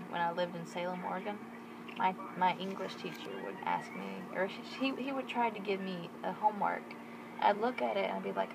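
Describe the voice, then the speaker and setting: A woman's voice: mid-range voice, creaky, rough recording. A young woman with a Texas accent, chatting informally and in a folksy way as she explains things. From Texas, United States. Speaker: vlogger explaining regional slang. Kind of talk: casual explainer to camera with examples.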